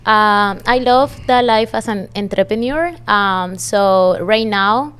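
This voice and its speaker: A woman's voice: medium pitch, slow pace, fairly bright tone, smooth. Young woman. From Peru. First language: Spanish. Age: young adult. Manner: upbeat, hesitant with um fillers. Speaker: podcast guest. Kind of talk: friendly interview answers. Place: media studio.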